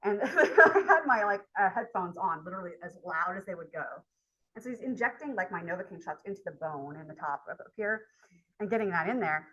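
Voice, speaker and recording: A woman's voice: mid-range voice, expressive, fairly quick, bright, forceful tone, husky, highs cut off. A woman college instructor, telling a rambling personal story in a casual lecture, with lots of filler words. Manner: chatty, rambling, heavy use of filler words.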